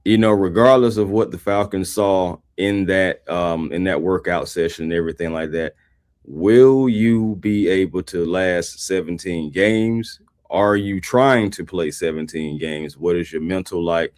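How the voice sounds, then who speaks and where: A man's voice: low-pitched, unhurried, darkish tone. A man co-hosting a live sports show, chatting casually and animatedly, greeting the chat and talking football. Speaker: sports podcast co-host.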